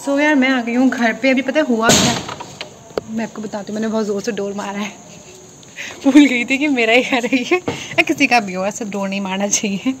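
Young woman vlogger, chatty and quick, high voice. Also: background noise. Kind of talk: casual chat.

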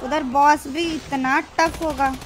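A woman's voice: high voice, fairly even intonation, slow pace, noisy background. A woman giving frantic commentary while playing a zombie shooter, exasperated, swearing often and pleading with her teammates. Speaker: mobile game streamer.

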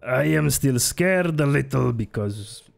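A man playing a nervous, caring innkeeper who speaks in broken, halting English with many hesitations. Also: mid-range voice, lively intonation, gravelly, faint music behind. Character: nervous caring male innkeeper from a freed people, broken grammar.

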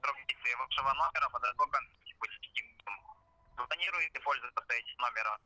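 A man speaks fast in stiff, formal phrasing, like an operator's script. His voice is bright and dry, and it comes over a glitchy phone line that breaks up and sounds distant. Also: mid-range voice, no room sound. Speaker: caller posing as phone operator.

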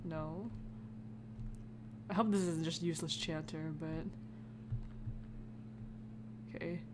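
Heavy background noise and clicking run under this gamer's playthrough narration. She speaks slowly in a low, steady voice, reading game text out loud and adding casual, reactive comments.

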